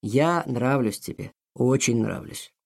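A man's voice: medium pitch, animated, slow pace, gravelly, a little mellow, slightly rough, heavily acted. A man reading a story aloud, voicing a brash, teasing young man in an insinuating, mocking tone.

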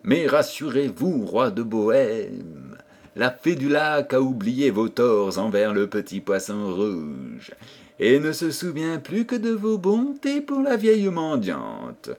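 A man voicing a slow, solemn female fairy of the lake. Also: mid-range voice, huge pitch swings, darkish tone, full character voice.

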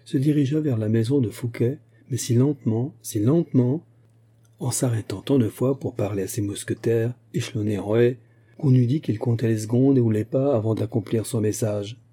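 A man narrating a classic novel aloud in a measured, steady storytelling voice. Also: mid-range voice, breathy edge. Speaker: audiobook narrator. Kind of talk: audiobook narration.

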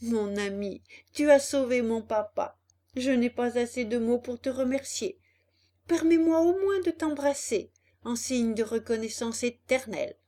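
Woman reading as wooden puppet boy, eager, proud, high and bright, slow and mellow. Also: sing-song. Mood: earnest. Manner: bright, emphatic and raised. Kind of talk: storybook character voice.

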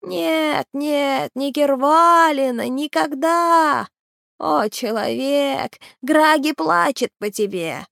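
A shaggy wild seer-creature with a thin, high, wailing voice. Every word is drawn out slowly and eerily, in a dry, close sound. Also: female voice, gravelly, fairly bright tone, dry recording, exaggerated voice. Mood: pleading. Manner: slow, high, wailing and hissing.

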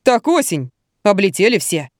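A woman's voice: medium pitch, very animated, normal speed, dry recording, clean studio sound. A woman reading an audiobook, voicing a friendly, down-to-earth barmaid who talks in a plain-spoken, pitying way.

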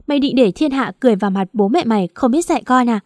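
A strict older father in the countryside barks orders at his daughter in a storybook reading, voiced by a woman narrator. The voice is mellow and darkish, close and dry. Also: on the high side, expressive, fast, dry recording, close to an everyday voice. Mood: stern. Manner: stern, commanding. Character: stern older rural father.

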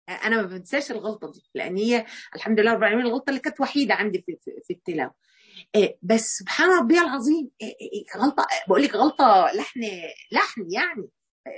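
A woman's voice: a little high, fairly bright tone, husky. A middle-aged woman with an Egyptian accent giving a conversational religious lecture to women, often restarting and quoting dialogue. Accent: Egyptian Arabic. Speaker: Quran teacher.

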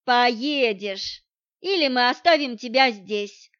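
A stern woman of the forest, as a female reader plays her snaps short orders in a fairly high voice. The audiobook recording is dry and slightly dull. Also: slow pace, a bit bright, no echo. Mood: curt. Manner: curt, commanding. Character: stern forest-dwelling woman who commands a bear.

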